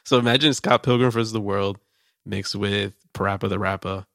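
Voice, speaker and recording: Young man, casual podcast chat, gravelly, lowish voice. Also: steady tone, fairly quick, a bit bright, no echo, studio quality. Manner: loose, joking, lots of fillers and laughs. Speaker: podcast host.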